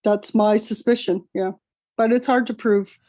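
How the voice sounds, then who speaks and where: A woman's voice: mid-range voice, steady tone, dark tone, dry recording. A middle-aged woman, Italian her first language, earnestly and hurriedly telling her story as an interview guest, often restarting her sentences. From Canada. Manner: earnest, rushed retelling with many restarts. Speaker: guest, author. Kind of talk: interview over a call.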